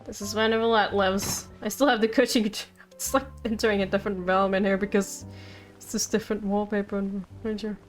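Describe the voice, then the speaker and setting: With game music in the background, a woman livestreams herself playing. Her mid-range voice moves a little fast with fairly even intonation, and she rambles playfully and casually to viewers and to herself.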